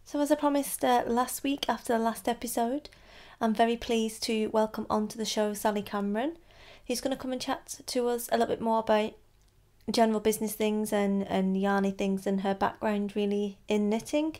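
A woman's voice: a little high, steady tone, normal speed, darkish tone. A woman hosting a podcast, chatting informally and casually. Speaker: podcast host.

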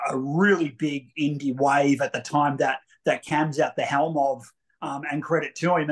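Chatty co-producer, 40s, slightly raised pitch, webcam audio. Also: male voice. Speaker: co-producer and actor. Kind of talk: casual interview on a video call. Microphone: video call webcam.

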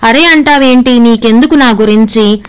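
A distressed temple priest who answers back defensively, as a woman narrator reads his lines. The voice sits a little high, in a plain storytelling delivery. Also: normal speed, clear, resonant tone, natural voice. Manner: defensive, upset. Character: distressed middle-aged male temple priest.

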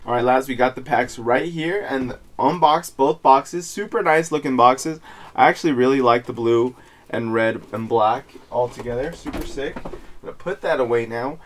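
A young man hosting a pack-opening video, chatting casually with slangy, excitable frat bro hype. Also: mid-range voice, normal speed. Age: young adult. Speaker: YouTube host opening trading card packs. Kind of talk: casual excited chat to camera. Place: small indoor room at home.

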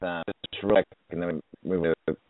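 A man's voice: low voice, flat delivery, no echo. A man asking questions over a glitchy video call that keeps cutting in and out, his phrases breaking off halfway. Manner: halting, broken-off phrases. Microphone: remote video call. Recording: tinny, breaking-up call line.

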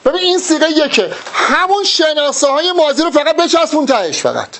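A man's voice: very high voice, big pitch swings, a bit bright. A man teaching an Arabic grammar lesson for an exam, talking directly to the student and drilling verb forms. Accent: Persian. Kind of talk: recorded exam-prep lesson.

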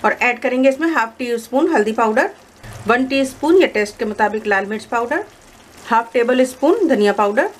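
A woman with a slightly high voice guides listeners through a recipe at an even, measured pace. Her tone is calm and instructive. Faint kitchen noise sits behind her. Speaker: cooking channel host. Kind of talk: step-by-step recipe voice-over. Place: home kitchen.

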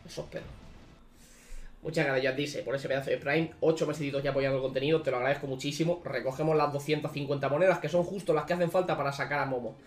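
A young man streaming a gacha game, swearing freely and pleading with the game, swinging from mutters to shouts. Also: on the high side, steady tone, quick pace. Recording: echoey room with background music.

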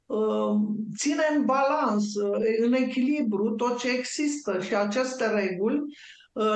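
A woman on a talk show, calmly explaining her ideas step by step like a lecturer. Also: a little high, roomy sound.

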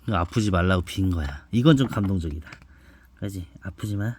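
A man reading a picture book aloud to his child at home, gently and softly, stopping now and then to ask the child questions. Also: low-pitched, fairly quick, breathy edge. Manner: gentle, soft-spoken, stops to chat and ask the child questions. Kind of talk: bedtime storybook reading with asides to a child.

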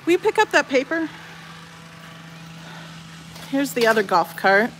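A woman leads a casual house tour, chatting very animatedly in a high, fairly bright voice, a little slowly, as she moves from the rooms of a small house out to the porch and driveway. Faint music plays behind her, and the handheld phone recording, made by an operator behind the camera, is noisy as it moves.

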